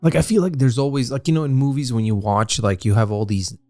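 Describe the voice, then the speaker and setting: A man's voice: medium pitch, fairly even intonation, fast, warm tone, no echo, clean studio sound, faint music behind. A man co-hosting a casual history podcast, talking in a rambling way with many fillers and restarts. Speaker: podcast co-host.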